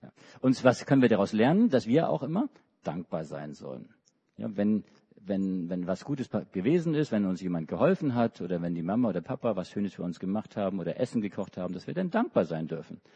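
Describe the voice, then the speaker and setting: A middle-aged preacher from Hamburg, Germany, tells a children's story during a church service, restarting and hesitating often. His voice sits on the low side and sounds warm and husky, and he speaks briskly with a very animated delivery. The recording is dull and was made in a reverberant hall.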